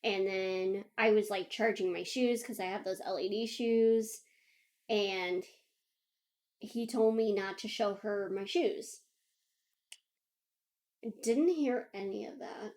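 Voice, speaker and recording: A young woman co-hosting a podcast, telling a story in casual chat, animated, laughing often and acting out what others said. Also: medium pitch, takes it slowly, long pauses. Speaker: podcast co-host.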